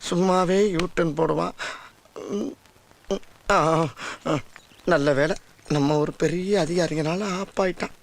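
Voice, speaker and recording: An actor playing a boastful, soft-hearted comic police constable who blusters and turns sentimental, in a noisy film soundtrack. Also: male voice, on the high side, fairly even intonation, takes it slowly, creaky, pauses often. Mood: muttering. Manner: blustering, swings to tearful sentiment. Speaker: head constable.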